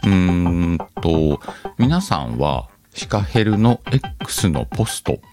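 Slow and sing-song, this man's low voice carries his own audio show as he casually chats and muses to listeners, radio-style and alone on the mic. Faint music can be heard behind him.

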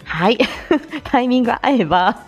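Hosting an informal morning live stream, a woman answers her listeners' comments in a fairly high, expressive voice at a moderate pace, chuckling frequently as she chats politely but casually. She's a speech-language therapist, and her talk alternates polite announcements with casual asides. The highs are cut off, and faint music sits behind her.

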